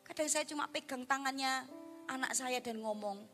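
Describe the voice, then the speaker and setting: A woman pastor preaching a lively sermon in church, sometimes acting out parents' words and dropping to a soft near-whisper. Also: high-pitched, normal speed. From Indonesia. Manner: animated preaching, acts out parent and child voices. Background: background music.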